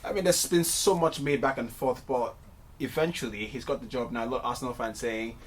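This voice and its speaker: A man's voice: medium pitch, fairly quick, breathy edge. A man hosting a casual football talk show, hesitant with many fillers as he sets up questions. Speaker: show host. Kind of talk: casual sports chat.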